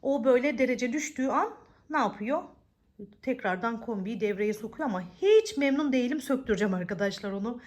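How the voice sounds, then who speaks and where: A woman's voice: fairly high pitch, expressive, a little fast, darkish tone. A woman chatting in a casual home vlog, her nose blocked from a cold, talking through greetings and blessings as she walks through her home. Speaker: vlogger. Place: at home, indoors.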